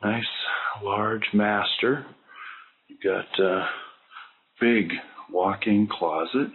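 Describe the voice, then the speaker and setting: Touring a house and its grounds as a real estate agent, a man speaks unhurriedly and plainly, using many fillers and drawing out his words in a lowish voice. A handheld camera mic gives thin, phone-like sound with faint noise.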